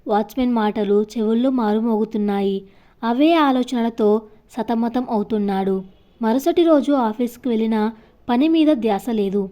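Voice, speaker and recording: A woman storyteller reading a scripted story in a steady, even manner. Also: fairly high pitch.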